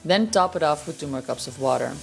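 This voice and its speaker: A woman hosting a cooking video and walking through a recipe with steady step-by-step instructions. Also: sits low, fast talker, vocal fry, music in the background. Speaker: cooking show host.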